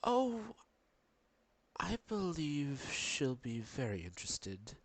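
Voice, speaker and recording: A man voicing a calm, slightly sly woman adventurer in improvised tabletop role-play, barely changing his own voice. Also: mid-range voice, slow, no echo, exaggerated voice. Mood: sly polite. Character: smooth-talking woman adventurer on a secret errand.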